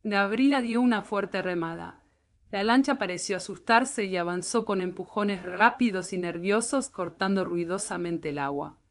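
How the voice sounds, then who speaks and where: Brief: woman narrator, calm sleep-story reading, middle pitch, soothing. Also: normal speed. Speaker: audiobook narrator.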